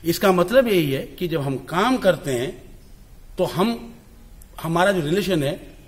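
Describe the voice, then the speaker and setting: High-voiced man counting dance beats. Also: lively intonation. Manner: counts beats aloud and calls out commands to students; reflective and measured when speaking about teaching. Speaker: dance guru leading a workshop. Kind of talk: interview talk mixed with live dance instruction. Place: theatre stage in a cultural centre. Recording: echoey hall with background noise.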